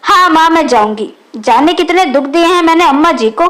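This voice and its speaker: Woman reading young hot-headed bahu in a storybook, her plain reading voice, very high. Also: expressive, a little fast, fairly bright tone. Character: young married woman, hot-tempered then remorseful.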